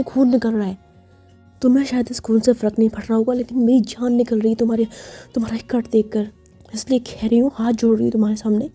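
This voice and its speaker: A woman playing a fretful, protective young woman in a storybook romance, her voice dark and mellow with a husky, breathy edge. She begs and scolds in an even, narrow tone, and faint music plays behind her. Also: on the high side. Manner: pleading and scolding in turns.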